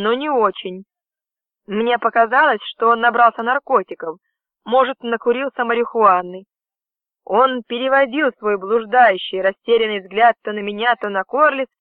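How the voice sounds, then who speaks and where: A man's voice: high voice, dry recording. A man reading a first-person story aloud as an audiobook narrator, in a tense, dramatic manner. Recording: dry, tinny phone-like audio.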